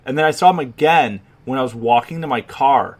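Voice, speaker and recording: A man's voice: mid-range voice, a little fast. A man in his twenties from Chicago, co-hosting a casual podcast chat, rambling and swearing, with lots of fillers. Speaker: podcast co-host.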